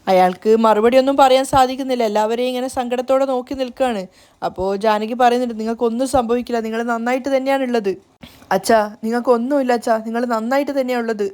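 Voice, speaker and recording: A woman's voice: a little high, a little mellow. A woman casually retelling a TV serial episode, reading the characters' lines out in her own voice as she goes. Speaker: serial recap narrator.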